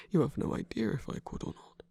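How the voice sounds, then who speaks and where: In an intimate ASMR roleplay, a performer of unclear sex voices an affectionate, battle-scarred villain lover, speaking at normal speed in a breathy, husky, natural voice with no room sound. The delivery is tender and soft-spoken but teasing and scolding in mood.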